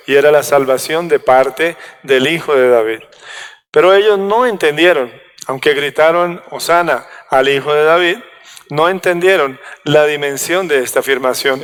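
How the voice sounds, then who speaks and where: Male preacher, higher-pitched, smooth resonant voice, halting delivery that keeps restarting, long church-hall echo. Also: fairly bright tone. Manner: halting, restarts and corrects himself often. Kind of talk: sermon.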